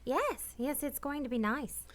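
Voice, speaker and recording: In a radio play, an actress uses a high, expressive voice with no room sound to portray an earnest married woman. Her mood is bright and polite, and she narrates confessionally, anxious and guilt-ridden as she tenderly reveals a secret love. She speaks in a hesitant, refined way, halting and repeating words.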